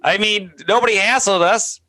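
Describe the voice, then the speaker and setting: A man co-hosting a casual comedy podcast, telling a story with lively jumps in pitch when he quotes people. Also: normal speed. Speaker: co-host.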